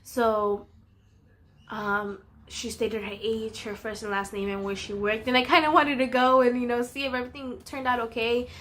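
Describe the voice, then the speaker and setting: A woman's voice: fairly high pitch, flat delivery, moderate pace, fairly bright tone. A woman casually telling a personal story in a vlog, earnest and full of "um" and "you know".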